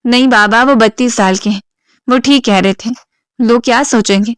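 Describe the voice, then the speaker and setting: A woman reading the lines of a gentle young woman of twenty-one in a storybook narration, soft and pleading in manner. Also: fairly high pitch, smooth, no echo, clean studio sound, close to an everyday voice. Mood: tearful.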